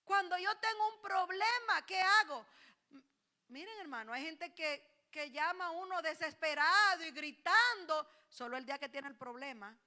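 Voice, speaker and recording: A woman pastor preaches in a high, bright voice that stays sharp and clear. Her sermon is animated and builds to loud exclamations as she quotes her congregants back to them in dialogue.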